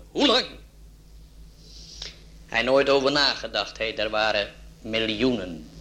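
A man's voice: mid-range voice, sharp tone, slight background noise. A man preaching an emotional sermon, drawn out and rising into fervent exclamations.

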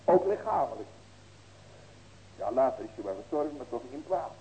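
A male pastor preaching a sermon, asking rhetorical questions and breaking into loud raised cries. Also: medium pitch, big pitch swings, fairly quick, slight background noise, poor audio.

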